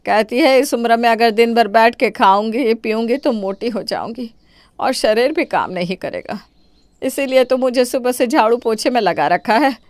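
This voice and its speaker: A woman's voice: on the high side, dry recording, voice pushed up, natural voice. A woman voicing a scheming, melodramatic older mother-in-law who wails and complains theatrically in a cartoon.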